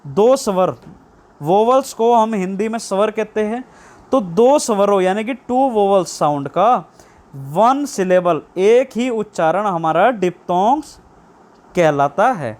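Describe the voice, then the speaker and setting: A man teaching shorthand online, explaining slowly and repeating key terms as questions. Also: high voice, expressive, a little mellow. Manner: drawn-out stress on English terms. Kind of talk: online lesson.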